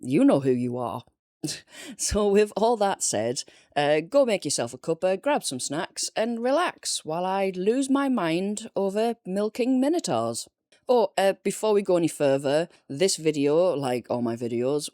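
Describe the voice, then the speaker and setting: A woman's voice: on the low side, very animated, normal speed, dark tone, no room sound, studio quality. A chatty woman with a Northern English accent, casually reviewing books and joking at her own expense. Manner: chatty and jokey, laughing at herself. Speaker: book reviewer. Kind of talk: casual unscripted video review.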